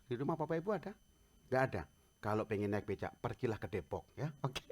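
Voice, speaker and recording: A man preaching a sermon as pastor, telling humorous personal stories in an animated way. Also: fairly low pitch, quick pace, slightly rough.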